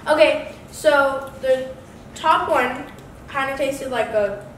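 A woman with a high voice talks while eating, chatting casually and trailing off mid-sentence. She sounds a little distant from the mic in an echoey room, with faint noise behind her. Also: takes it slowly. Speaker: vlog co-host. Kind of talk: casual taste-test chat.

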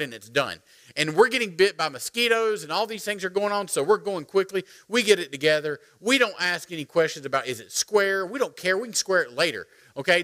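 A middle-aged man, preaching a sermon as pastor, animated and joking as he calls on the congregation. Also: high-pitched. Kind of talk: sermon with storytelling. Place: church sanctuary.

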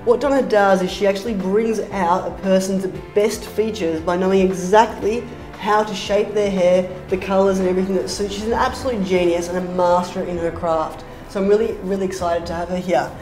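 A woman's voice: medium pitch, steady tone, fairly quick, few pauses, a little mellow. A woman in her thirties hosting a promotional interview, effusive and full of praise, seated in a bare room. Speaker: interviewer and host. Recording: echoey room with music under it.

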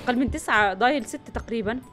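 A high-voiced Levantine woman rattles through her game commentary at great speed. She gets excited and breaks into panicky bursts of repeated words. Faint game music sits behind her. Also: rapid-fire. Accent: Levantine Arabic. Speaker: gaming channel host. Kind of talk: let's play commentary.

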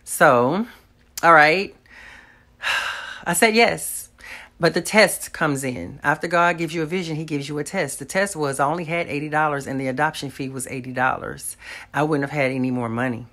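A woman's voice: low voice, moderate pace, fairly bright tone. A woman, earnestly telling a personal testimony straight to the camera from a small room at home. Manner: earnest, talks straight to viewers, faith-filled. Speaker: vlogger.

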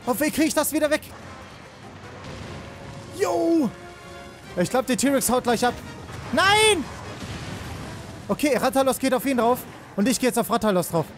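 A young man giving excitable live commentary on a game he is playing, rapidly repeating words and mixing in English slang. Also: very high-pitched. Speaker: let's player. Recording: game music behind.

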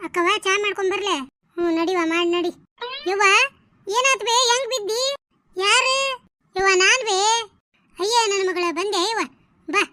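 Woman voicing shrill, sharp-tongued village gossips for a cartoon, North Karnataka Kannada accent, dry recording. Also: dry recording. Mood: bickering. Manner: quick scolding village banter, exclamatory. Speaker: voice of a cartoon series.

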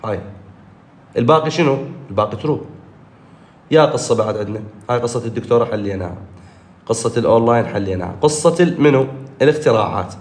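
A male teacher with an Iraqi Arabic accent runs an exam review, hammering the same points over and over. His pitch leaps up when he stresses an answer. The room around him sounds echoey. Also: fast, long pauses. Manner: repetitive, drilling key points, animated pitch jumps. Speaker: English teacher.

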